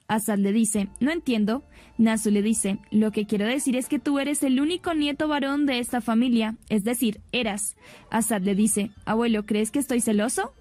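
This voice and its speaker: A woman's voice: on the high side, a little mellow. A woman narrating a soap opera recap, retelling each scene and quoting the characters in her own plain voice. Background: faint background music.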